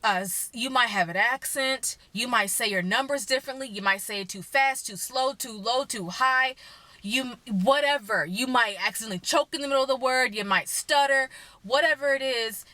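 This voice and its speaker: A young woman from Texas, vlogging in a chatty, opinionated way, her pace running fast then slow. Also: a little high, pushed and bright, no echo. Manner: chatty, opinionated, speeds up and slows down. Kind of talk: casual vlog chat.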